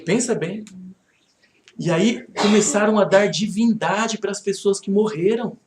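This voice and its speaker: A man, a pastor teaching a Bible study to a live group in a conversational, animated way, often checking in with his listeners. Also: high-pitched, a little slow. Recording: echoey room, faint background noise.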